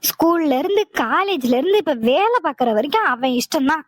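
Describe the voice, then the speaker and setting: Woman voicing a middle-aged mother, cartoon, complaining, high pitch, dry sound. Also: lively intonation, moderate pace, no echo. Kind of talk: cartoon voice acting.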